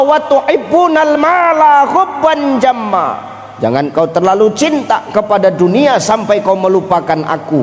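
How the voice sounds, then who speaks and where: A man giving a comic sermon, teasing his audience with an animated, punchy delivery. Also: sits high, in a large hall. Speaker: preacher.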